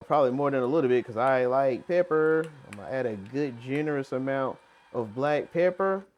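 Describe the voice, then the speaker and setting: A man's voice: medium pitch, lively intonation, normal speed. Enthusiastic man hosting a cooking video. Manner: upbeat, enthusiastic, repeats himself. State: talking with mouth full. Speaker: cooking channel host. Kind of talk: casual cooking demonstration.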